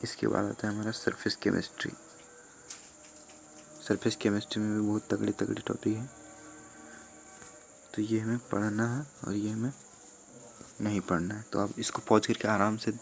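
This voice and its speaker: A man from Jharkhand, a teacher, going through a school syllabus in a steady listing manner with fillers. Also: fairly low pitch, creaky. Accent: Jharkhand Hindi. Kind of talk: explaining a syllabus.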